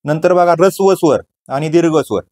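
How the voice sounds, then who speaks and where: A man leads an exam-prep grammar lesson. His voice sits a little high, and he drills each definition by asking a question and answering it himself, repeating the key words. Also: a little fast, a little mellow. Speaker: teacher.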